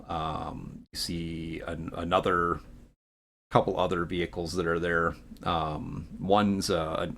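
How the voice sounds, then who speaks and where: A man narrating a tabletop role-playing game as game master, talking in a halting way with many pauses and restarts. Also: deep voice.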